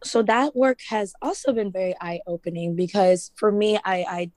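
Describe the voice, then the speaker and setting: A woman's voice: mid-range voice, normal speed, darkish tone, no room sound. A young woman from Ghana, raised in the US, talking casually as a student representative, with many fillers. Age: young adult. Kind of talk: casual interview.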